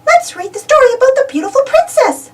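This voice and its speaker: Squeaky, very high Minnie Mouse. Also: female voice, sing-song, fast talker. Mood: eager. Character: sweet, perky girlish cartoon mouse, eager and fretful. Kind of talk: storybook character voice. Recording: distant mic, music behind.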